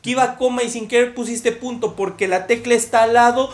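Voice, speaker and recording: A woman's voice: a little high, fairly even intonation, brisk. A young woman, a podcast co-host in casual conversation who argues her point at length and laughs at herself. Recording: echoey room.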